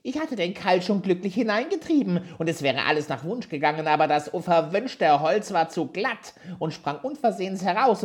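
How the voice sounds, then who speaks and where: A reader voicing an ill-tempered tiny old male dwarf with a shrill, screeching voice, scolding and insulting. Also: close to an everyday voice. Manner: scolding, insulting, high and loud.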